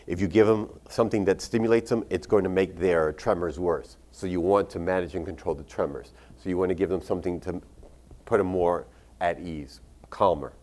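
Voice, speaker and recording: At an expo, a medical cannabis doctor candidly recounts stories about his patients, dropping casual swear words along the way. His voice sits low and sounds darkish.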